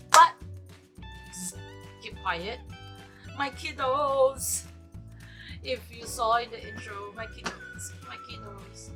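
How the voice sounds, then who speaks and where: Chatty woman in her forties. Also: medium pitch. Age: 40s. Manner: chatty and rambling, upbeat. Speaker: vlogger and teacher. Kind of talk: casual vlog chat to camera. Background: background music.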